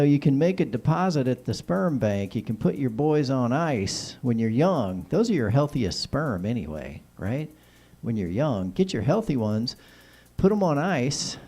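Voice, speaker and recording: A man's voice: medium pitch, dark tone. A man with a whistling s hosting a call-in show, giving opinionated, joking monologues addressed straight to listeners. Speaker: talk show host.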